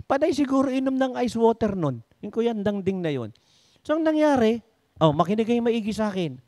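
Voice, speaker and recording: A man preaching a sermon in Tagalog-style storytelling, swinging between high exclamations and low asides. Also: animated, normal speed, pauses often, dark tone, dry recording. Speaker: pastor.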